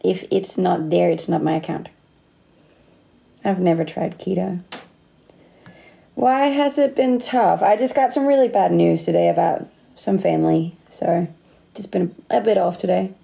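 Indoors, with her phone close to her face, a Danish livestream host in her late twenties reads comments, chats casually and laughs a lot, her accent slightly Australian. She has a lowish, creaky, mellow voice, a measured pace and frequent pauses.

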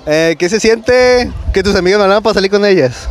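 A young Mexican man, a contestant in a street game, fires off blunt, casual jabs at a fast clip and with a fairly high voice. He is recorded outdoors in a busy market. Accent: Mexican Spanish.

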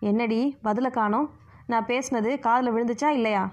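A woman's voice: on the high side, fairly even intonation, moderate pace, darkish tone, natural voice. Woman voicing a fretful scolding mother. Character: worried scolding middle-aged mother. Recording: muffled lo-fi recording.

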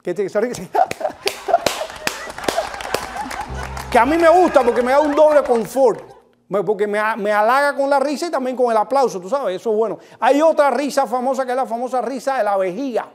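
A Cuban comedian hosting, delivering a stand-up monologue, joking and speaking straight to the audience while acting out different kinds of laughter. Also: male voice, very high voice, lively intonation, fast, soft background music. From Cuba. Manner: joking, addresses the audience directly. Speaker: comedian host.

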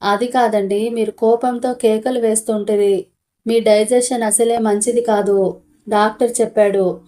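A woman voicing a patient, caring wife who speaks gently and placatingly, in a storybook reading. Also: fairly high pitch, fairly even intonation, unhurried, natural voice. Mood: soothing.

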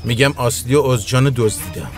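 A smug kidnapper lays out his scheme, voiced by a man in a dubbed drama. His voice sits at an ordinary middle pitch. Faint music plays behind. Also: lively intonation, natural voice. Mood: smug scheming. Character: scheming kidnapper nephew laying out a plan.

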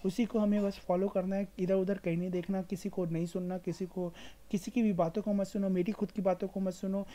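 A woman with an Indian accent runs a casual stock market video, explaining things over screen share in a mid-range, warm voice that is brisk but flat in delivery. She advises emphatically and repetitively, blending English words into her speech.

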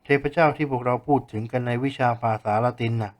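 A kindly older teacher who explains with quiet patience, as a male narrator puts him on. His delivery is calm and unhurried, with a gentle warmth. This is a storybook voice at middle pitch. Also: natural voice. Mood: patient.

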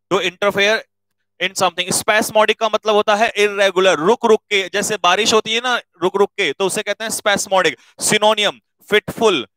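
A man teaching exam vocabulary, brisk and coaxing, repeating words so students can note them down. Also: high voice, bright, forceful tone, dry recording, poor audio. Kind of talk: exam-prep video lesson.

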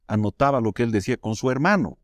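A man's voice: medium pitch, quick pace, no room sound. Male co-host, easygoing chat delivery, close and dry sound. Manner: relaxed, playful, addresses viewers directly. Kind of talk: casual chat, reading from a book.

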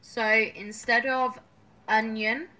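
A woman listing examples in a slow, deliberate, amused way. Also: on the high side, fairly even intonation, pushed and bright, far from the mic. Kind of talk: casual storytelling.

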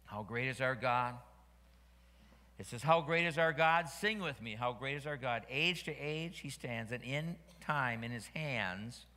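Bright-voiced man preaching in a reverberant church. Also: mid-range voice. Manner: preaching with rising emphasis, repeating phrases. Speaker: senior pastor. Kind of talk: sermon. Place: church sanctuary. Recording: long reverb of a church hall.

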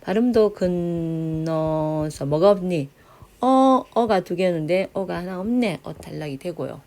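A woman teacher explains grammar to middle schoolers in a lively, rising and falling voice. Her tone is mellow and rather low, and she keeps checking that the class follows. She stretches out example words slowly as she sounds them out. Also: creaky. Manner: checks understanding with frequent tag questions. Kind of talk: grammar lesson lecture.

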